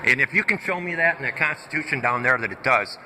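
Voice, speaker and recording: Man, combative and lecturing, sharp bright voice, fairly high, faint background noise. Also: animated, fast, poor audio. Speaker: protester. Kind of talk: heated argument. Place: large capitol rotunda.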